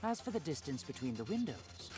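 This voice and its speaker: A man voicing a young male student who calmly recites measurements, heard through a distant flashback echo, in a fan voice-over of a game. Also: fairly high pitch, brisk, loud music behind the voice. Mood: factual.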